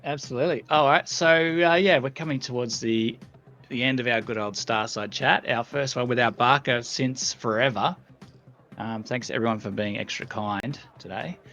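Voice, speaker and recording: Aussie guy hosting a chill community chat, lots of ums, crisp bright tone. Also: mid-range voice, normal speed, muffled recording. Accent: Australian. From Australia. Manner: laid-back, lots of fillers. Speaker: community host. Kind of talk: casual stream chat.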